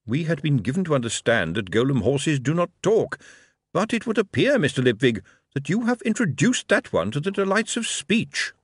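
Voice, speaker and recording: A man's voice: a little high, big pitch swings, breathy edge, no room sound, clean studio sound, pitched above the performer's own voice. A man doing Vetinari, silky and coldly menacing. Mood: dry. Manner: measured, silky and quietly threatening. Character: cold, precise male city ruler, dryly menacing.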